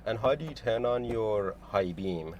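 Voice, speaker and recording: A man working as a driving instructor, calmly explaining each step to a learner in a car. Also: lowish voice, unhurried, a little hiss or hum. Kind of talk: instructional talk and voice-over. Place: inside a car.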